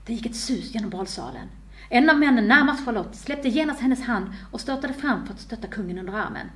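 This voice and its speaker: A woman author reading her own story aloud with expressive storytelling. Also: a little high.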